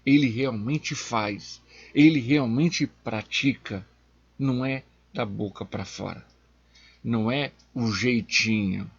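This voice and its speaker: A man teaching from the Bible as a deacon, speaking slowly and emphatically and pushing his voice up on key words. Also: medium pitch, vocal fry, slightly rough, no room sound, muffled recording. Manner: slow, emphatic, rising sharply on key words.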